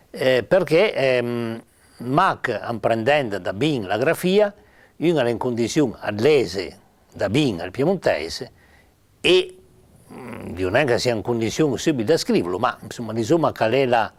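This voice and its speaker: An older man with a Piedmontese accent giving an informal spoken lesson on spelling, halting with many pauses and fillers. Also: medium pitch. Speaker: writer teaching Piedmontese spelling.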